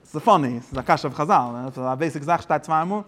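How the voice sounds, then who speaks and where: A man teaching a religious study lesson, explaining in a rapid, rambling way and dropping English words into his talk. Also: on the high side, fairly bright tone.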